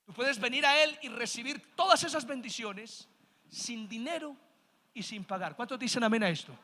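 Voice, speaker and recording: A man's voice: very high-pitched, sharp tone. A man pastor delivering a sermon, preaching with rising emphasis and calling the congregation to say amen, in a church sanctuary. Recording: long church hall reverb.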